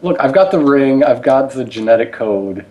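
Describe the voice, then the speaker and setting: A man's voice: medium pitch, animated, moderate pace, warm tone, lo-fi sound. A man playing a tabletop game, talking casually as he makes his moves and banters in character.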